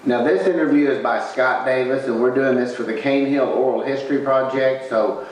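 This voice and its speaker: A man's voice: medium pitch, steady tone, normal speed. A man asking questions as an oral history interviewer, speaking from away from the microphone. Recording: echoey, distant from mic, faint noise.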